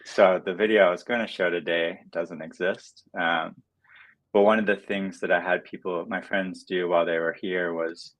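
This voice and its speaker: Deep-voiced hesitant man musician. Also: fairly even intonation, normal speed, low-quality recording. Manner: soft-spoken, hesitant with many fillers. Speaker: musician guest. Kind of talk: livestream interview.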